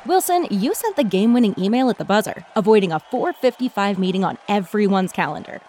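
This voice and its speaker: A woman's voice: mid-range voice, animated, fast talker, mellow, some chatter behind, slight background noise, close to an everyday voice. A woman playing an earnest sideline sports reporter in a scripted parody ad interview. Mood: earnest, excited.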